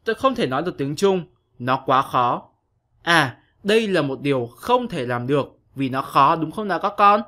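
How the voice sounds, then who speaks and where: A male English teacher reads a scripted online lesson, patient and methodical with young pupils. His voice sits a little high and rings bright and forceful. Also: animated, normal speed.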